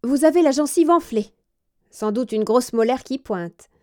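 A woman voicing a calm, practical under-governess who soothes a child. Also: sits high, normal speed. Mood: caring.

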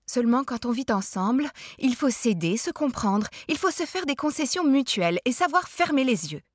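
A gentle, patient mother talking softly to her child, as a woman reads her part in a storybook. Her voice slips into hushed near-whispers and stays close and dry, with no room around it. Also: sits high, animated, moderate pace, no echo, voice pushed up. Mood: tender. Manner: soft, hushed, dropping to whispers.

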